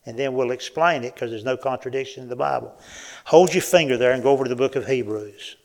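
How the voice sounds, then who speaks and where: Folksy preacher with gravelly voice. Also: male voice, medium pitch, fast talker. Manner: folksy, animated, with restarts and audience questions. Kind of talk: sermon.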